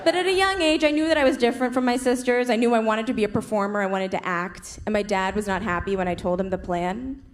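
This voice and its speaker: A woman from the United States doing a stand-up set on a club stage, with punchy delivery and quick switches into parent voices. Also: mid-range voice. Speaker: stand-up comedian. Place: comedy club stage with audience laughing. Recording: live club recording with crowd noise.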